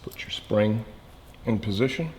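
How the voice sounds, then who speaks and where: A motorcycle mechanic with a fairly low pitch sounds animated but a little slow as he talks through an installation, explaining each step and checking in. His casual how-to is recorded in an echoing workshop, with loud tool clatter and heavy background noise.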